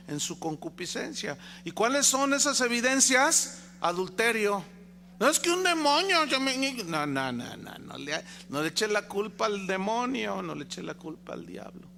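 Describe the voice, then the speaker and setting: Emphatic Mexican pastor preaching. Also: male voice, high-pitched, creaky, pushed and bright, a little hiss or hum. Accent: Mexican Spanish. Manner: emphatic, rhetorical questions to the congregation. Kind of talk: sermon.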